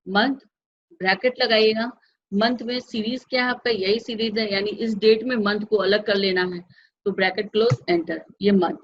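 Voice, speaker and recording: Woman teacher, fairly high voice, patient step-by-step lesson, dull lo-fi classroom sound. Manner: patient, repeats each step, asks the class if they follow.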